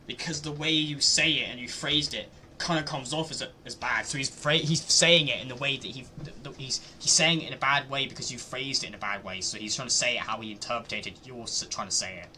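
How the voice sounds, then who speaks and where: A man's voice: mid-range voice, fairly even intonation, brisk, hardly any pauses, a little hiss or hum. A man streaming live, reacting to a video and arguing his point over and over. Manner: argumentative, repeats himself, gets loud when annoyed.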